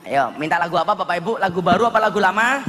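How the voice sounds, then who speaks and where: A male preacher giving a humorous wedding sermon, animated and joking, at a large gathering. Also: high-pitched, rapid-fire, slight background noise. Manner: joking, animated, slips into Javanese dialect and sung verses. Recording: echoey hall with faint ambience.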